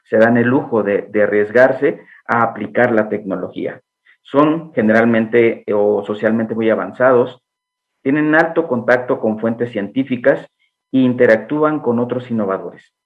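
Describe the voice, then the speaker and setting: A man of middling pitch delivers a lecture over an online connection, pausing often on fillers as he explains. His voice comes through thin and tinny, like a phone line. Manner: measured, with frequent fillers. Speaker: guest lecturer.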